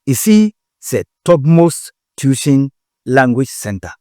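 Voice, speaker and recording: Guy from ghana teaching pronunciation, slow and bouncy pitch, dry sound. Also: very animated, a little mellow, dry recording. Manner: repeats words slowly, drilling pronunciation. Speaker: language teacher. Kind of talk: pronunciation lesson. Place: language school classroom.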